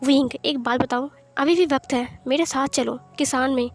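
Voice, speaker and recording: Sly, pushy young villain, taunting and wheedling, played by a woman storyteller, high voice. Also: fairly even intonation, moderate pace, soft background music.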